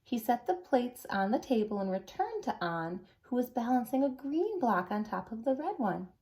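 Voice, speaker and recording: A woman's voice: a little high, very animated, moderate pace, darkish tone. A woman and preschool teacher reading a children's story aloud expressively and asking the listeners questions.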